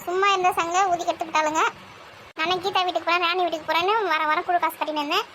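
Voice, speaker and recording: A woman, grumbling and gossiping loudly in a comic village sketch. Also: very high voice, level tone, very fast, slight background noise. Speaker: comedy sketch performer.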